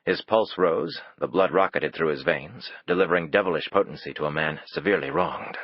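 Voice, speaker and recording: A man reading an audiobook in measured, even scripted narration. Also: extremely low pitch, husky, no echo. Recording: dull, dry, lo-fi.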